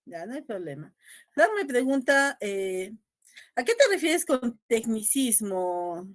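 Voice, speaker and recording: A woman's voice: a little high, very animated, slow pace, no echo. Patient woman teacher with a dry close voice. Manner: checks in constantly with a rising tag question; patient, repeats key points. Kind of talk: online class lecture.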